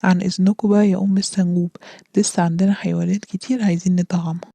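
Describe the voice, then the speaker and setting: A woman voicing a fast-talking Egyptian doctor. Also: on the low side, little pitch movement, creaky, warm tone, no echo. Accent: Egyptian Arabic. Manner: rapid, chatty explaining. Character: male animal doctor, cheerful and earnest.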